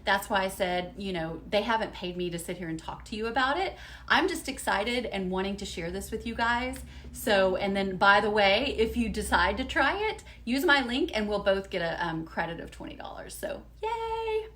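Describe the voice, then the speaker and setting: A woman's voice: mid-range voice, animated, normal speed, a bit bright, a little hiss or hum. A woman, chatting upbeat and folksy with viewers during a live unboxing at home. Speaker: lifestyle vlogger.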